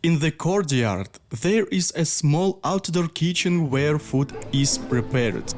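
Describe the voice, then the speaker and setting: A man narrating a travel documentary as a voice-over, in slow, measured sentences. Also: on the high side, lively intonation, darkish tone, faint music behind.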